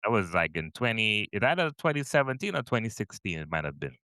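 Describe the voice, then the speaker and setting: A man's voice: on the low side, big pitch swings, fast, bright, forceful tone, clean tone, no room sound. Upbeat Trinidadian man hosting a podcast. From Trinidad and Tobago. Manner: chatty and upbeat, with frequent fillers and repeats. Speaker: podcast host. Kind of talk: casual interview chat.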